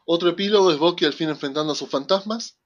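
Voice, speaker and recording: A man with a Rioplatense Spanish accent, co-hosting a casual chat that recaps a TV series, talking in an animated, excitable way. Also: a little high. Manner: animated, excitable, switches fast to slow. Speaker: podcast co-host. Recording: dull lo-fi recording.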